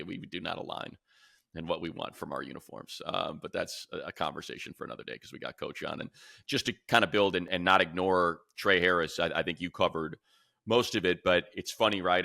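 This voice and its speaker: A man with a deep, creaky voice and a sharp tone hosts a sports show, talking casually and often acting out what other people said. The recording is studio quality with no echo.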